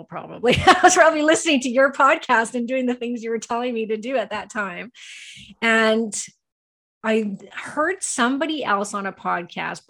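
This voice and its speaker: A woman's voice: medium pitch, vocal fry, a bit bright. A woman guest on a podcast, telling her personal story candidly and casually. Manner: candid, personal storytelling with frequent "you know". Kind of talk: casual interview talk.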